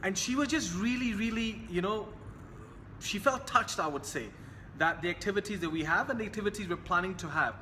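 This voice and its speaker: This young man from Hong Kong speaks briskly to camera in a casual, earnest way, his bright, high voice circling back repeatedly to the same phrases. There's a faint hiss below, and a long reverb trails his voice.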